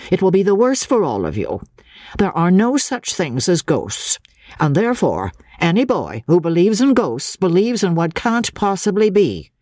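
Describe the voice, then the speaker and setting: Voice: medium pitch, darkish tone, no room sound, studio quality, voice pushed up. A reader voicing a stern male village schoolmaster in a storybook, with a harsh, lecturing, threatening manner. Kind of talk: audiobook character voice.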